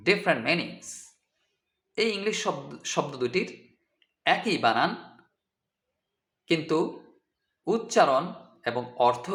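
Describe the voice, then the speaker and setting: Man as English tutor, high lively voice, very slow and deliberate, echoey room. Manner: spells words letter by letter and translates each line. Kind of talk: slow deliberate vocabulary lesson.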